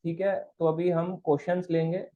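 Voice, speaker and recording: A man leads an online devotional class, his fairly high voice pressing each point home with preachy emphasis. English words slip into his Hindi as he explains and answers viewers. The sound comes through thin and tinny, like a phone line. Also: flat delivery, normal speed.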